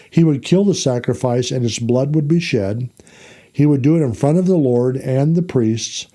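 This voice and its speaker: A man's voice: mid-range voice, dark tone. A man teaching a conversational Bible lesson, explaining plainly and checking in with his class as he goes, with fillers and self-corrections. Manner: explains plainly, checks in with the class by asking "okay?" and "all right?".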